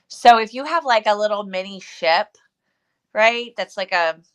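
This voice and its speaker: A middle-aged woman co-hosts a casual, unscripted vintage seller livestream, chatty and jokey, often repeating her phrases. Her voice is medium-pitched, fairly bright and clean, with lively intonation and a measured pace.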